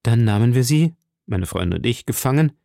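A man voicing a proud, fearless young musketeer who speaks earnestly and forcefully. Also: mid-range voice, expressive, moderate pace, creaky, no room sound, clean studio sound.

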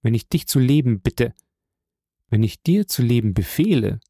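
A man voicing a solemn, fatherly nobleman who speaks slowly and gravely. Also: medium pitch, lively intonation, warm tone, dry recording, studio quality. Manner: slow, grave and measured.

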